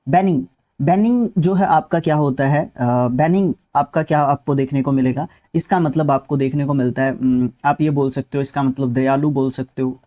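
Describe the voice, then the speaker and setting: North Indian man teaching in a mellow voice. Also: mid-range voice. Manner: explains word meanings, repeats key words and checks "ठीक है?". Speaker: English exam tutor. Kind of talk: online exam-prep lesson.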